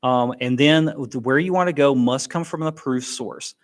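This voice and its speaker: A man's voice: mid-range voice, moderate pace. A man presenting an informal briefing on education benefits, explaining plainly with frequent ums and restarts.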